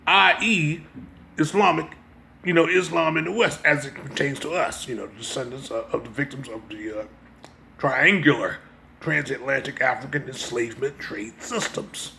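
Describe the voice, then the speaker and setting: An American religious teacher gives an impromptu sermon with a brief reading, using a mid-range voice with vocal fry and a sharp tone at a moderate pace. He is emphatic and exhortative, frequently checking that his listeners understand.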